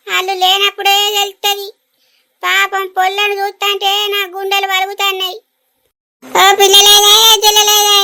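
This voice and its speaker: A woman voicing a shrill, wailing old village grandmother. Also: bright, forceful tone, heavily acted. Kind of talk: cartoon voice acting.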